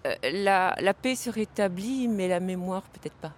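A woman from Vietnam answers an interviewer's questions outdoors at a city station. She speaks slowly and haltingly, with frequent fillers and pauses. Faint traffic noise hums behind her. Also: mid-range voice, animated. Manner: hesitant, halting, with many fillers.

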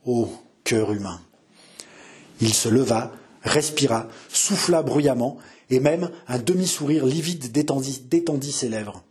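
A man narrating a novel aloud with measured, dramatic storytelling. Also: medium pitch, darkish tone, breathy edge.

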